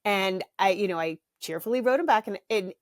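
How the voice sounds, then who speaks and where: Speaking at a fairly quick clip in a medium-pitched voice, a middle-aged parenting author hosts her own podcast alone. She's open and conversational, laughs often, and coughs a little. The audio is studio quality with no room sound.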